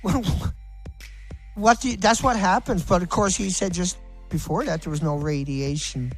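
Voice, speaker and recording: A man's voice: high-pitched, normal speed, soft background music. Male talk host, furious and profane, sneering at his targets. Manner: angry, mocking, swears constantly. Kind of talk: profane ranting commentary.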